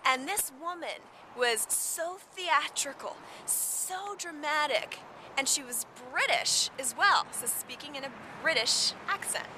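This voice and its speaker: A woman's voice: high-pitched, expressive, takes it slowly, noisy background. A woman vlogging outdoors, giving storytelling tips in an upbeat, emphatic way and repeating her key points. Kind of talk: casual instructional vlog.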